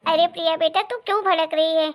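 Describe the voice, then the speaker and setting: Cartoon mother-in-law, motherly and soothing, high voice, a woman acting her. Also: steady tone, brisk. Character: middle-aged mother-in-law, calm peacemaker.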